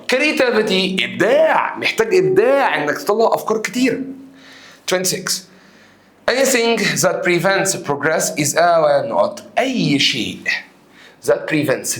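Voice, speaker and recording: Male Egyptian teacher, slightly raised pitch, emphatic exam-review delivery full of rhetorical questions. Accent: Egyptian Arabic. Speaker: English teacher.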